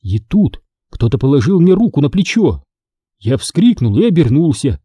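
A man narrating a first-person audiobook story in an expressive, animated way. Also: fairly high pitch, moderate pace, slightly rough, no room sound.

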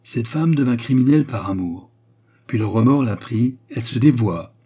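A man's voice: mid-range voice, lively intonation, normal speed, dark tone, breathy edge. A man reading aloud, voicing a worldly, mocking former courtesan with an ironic, self-assured manner. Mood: storytelling. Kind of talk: audiobook character reading.

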